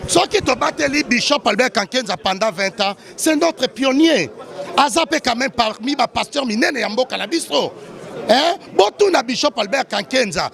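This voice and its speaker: A man's voice: very high-pitched, animated, moderate pace, gravelly, fairly bright tone, a faint crowd. A man speaking to reporters in a heated, emphatic way. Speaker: pastor interviewed by press. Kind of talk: street interview.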